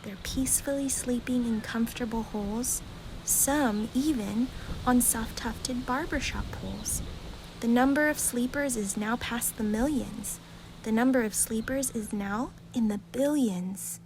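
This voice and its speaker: A woman reads a rhyming children's bedtime story aloud in a calm, gentle, expressive storytelling way. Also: on the high side, unhurried, noisy background.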